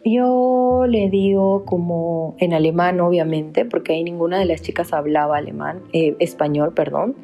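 A woman's voice: on the low side, fairly even intonation, moderate pace, hardly any pauses, lo-fi sound, faint music behind. A young woman from Peru with a Peruvian Spanish accent, confiding a personal story directly to her viewers in a casual vlog. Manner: confiding, speaks straight to viewers. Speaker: vlogger.

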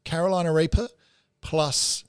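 A man's voice: fairly high pitch, fairly even intonation, measured pace, clear, resonant tone, no echo. New man hosting a podcast, dry sound. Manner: jokey, laughing often. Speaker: podcast host. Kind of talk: casual podcast chat.

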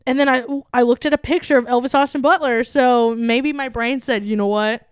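A young woman co-hosting a comedy podcast, excitedly retelling a strange dream with lots of laughing and swearing. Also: high-pitched, brisk, clean tone, no echo, studio quality. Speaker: podcast co-host. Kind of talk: casual chat, storytelling.

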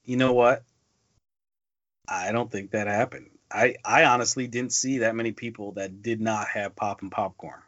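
Here a man with a fairly low, slightly bright voice co-hosts a movie podcast at a moderate pace, his tone steady as he emphatically restates his points. The dull lo-fi audio has no echo.

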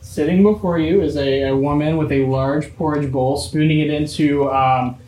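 A man narrating a tabletop game as game master in a casual, halting way. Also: on the high side, fairly even intonation, a little mellow, slight background noise. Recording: roomy echo, faint music.

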